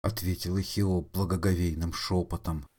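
A man narrating an audio drama in an expressive, theatrical way. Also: low voice, normal speed, husky.

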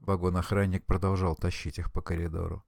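A man narrating an audiobook with expressive, animated storytelling. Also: low-pitched, brisk, creaky, dry recording, clean studio sound. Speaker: audiobook reader. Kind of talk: scripted narration.

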